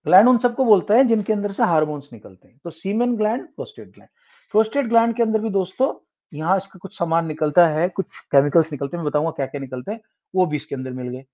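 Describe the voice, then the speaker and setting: A man's voice: sits high, expressive, fast. A middle-aged man with an Indian English accent teaching a science class step by step, switching between Hindi and English and often restarting his sentences. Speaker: science tutor. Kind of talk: classroom lecture. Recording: dull lo-fi sound.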